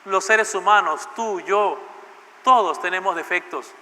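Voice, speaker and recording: A pastor retelling a firm old church mentor. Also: male voice, high-pitched, unhurried, long reverb tail, full character voice. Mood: earnest. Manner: insistent, gently scolding. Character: older male church mentor, patient and firm.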